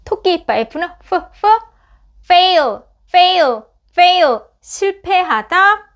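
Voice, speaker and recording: Woman, beginner phonics lesson, repeats each word thrice, very slow pace, high pitch. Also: lively intonation, fairly bright tone. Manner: repeats each English word three times, then gives its meaning. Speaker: English phonics teacher.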